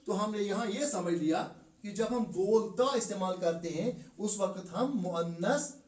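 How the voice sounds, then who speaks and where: A man with a Kashmiri accent teaching Arabic grammar in a classroom lesson, drilling word pairs slowly with fillers. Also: high-pitched, a little mellow. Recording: echoey room, from far off.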